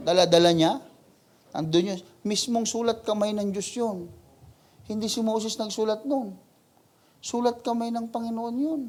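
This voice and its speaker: A male pastor preaching a mid-week Bible study, mixing in English verses and acting out quoted people in sudden high voices. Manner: animated preaching, voices quoted people, big pitch swings; mixes English verses into Tagalog, halting restarts.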